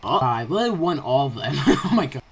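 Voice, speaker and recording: A woman giving excitable gameplay commentary, blurting out reactions and reading game dialogue aloud. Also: extremely low pitch, a little fast, breathy edge, faint music behind. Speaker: gamer recording gameplay.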